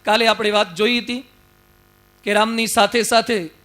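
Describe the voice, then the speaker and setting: A man's voice: high voice, fairly even intonation, normal speed, sharp tone. A man preaching a sermon as a monk, telling folksy, humorous stories and urging his listeners on. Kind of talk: storytelling sermon.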